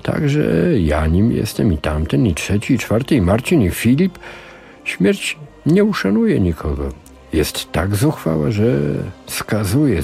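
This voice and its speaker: A man voicing a scheming older male sorcerer who lectures in a slow, measured way. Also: on the low side, warm tone.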